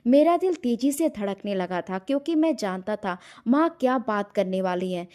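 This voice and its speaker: A woman's voice: medium pitch, animated, normal speed, a little mellow. A woman narrating an emotional family story in the first person, giving every character her own voice. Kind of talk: scripted narration.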